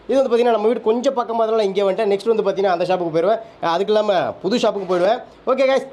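A man with a Tamil Nadu accent chatting quickly in a family vlog at a salon, coaxing his small child. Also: high voice, darkish tone. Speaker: family vlogger, father. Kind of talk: casual family vlog chat. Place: tattoo and beauty salon, indoors.

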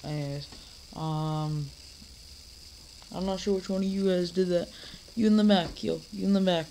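A man's voice: high voice, fairly even intonation, normal speed, vocal fry, mellow, a little hiss or hum, rough recording. A teenage boy coming down with a cold, rambling casually through a home vlog with lots of fillers and restarts. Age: teens. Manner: mock-scolds an imaginary heckler. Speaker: vlogger. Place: dim living room, seated in a recliner.

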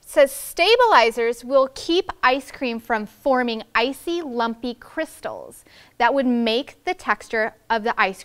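A woman's voice: a little high, clean tone. A woman in her thirties giving a read-aloud lesson to young children as a teacher, carefully enunciating the big words. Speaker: first grade teacher. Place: indoors in a classroom.

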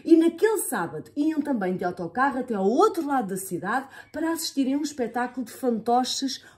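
A woman reading a children's story aloud, playful and expressive, adding sound effects. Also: sits high, a little fast, slightly rough.

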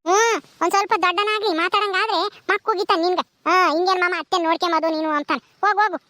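Woman acting out a nagging wife from rural karnataka, super high pitch, talks fast, scolds nonstop, dry sound. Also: fairly even intonation, pushed and bright, no room sound. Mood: scolding. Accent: rural Karnataka Kannada. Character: ailing village wife, scolding, bossy. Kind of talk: village comedy skit.

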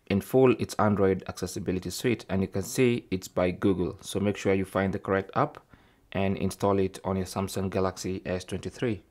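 Briskly narrating a tech tutorial, this man uses a low, darkish-toned voice with fairly even intonation. He goes step by step in a methodical, informal way and tends to tag phrases with "okay."

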